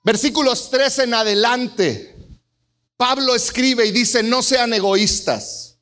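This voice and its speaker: A middle-aged man preaching a sermon, telling stories and acting out voices with big swings in pitch. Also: takes it slowly, fairly bright tone. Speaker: pastor.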